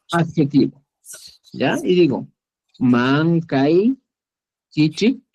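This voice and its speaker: A patient male teacher on a video call, speaking slowly with a lively rising and falling melody. He keeps checking that his students understand, in an unhurried classroom manner. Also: on the high side, highs cut off. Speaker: Quechua teacher. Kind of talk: online class explanation.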